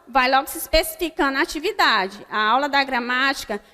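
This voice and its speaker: A Brazilian woman teaching a recorded grammar lesson to children, spelling out example words slowly and checking in with her pupils. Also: high-pitched, animated, sharp tone. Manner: slow, deliberate word-by-word dictation with frequent "né?" checks. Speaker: primary school teacher. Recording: long hall reverb.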